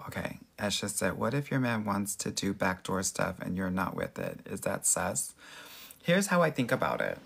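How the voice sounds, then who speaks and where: A man with a Southern Californian Valley accent hosts a casual live question-and-answer chat, giving dating advice in a sassy, slangy way with a husky, gravelly voice. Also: lowish voice, a bit bright. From Southern California, United States. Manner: sassy, slangy, addresses viewers as girl.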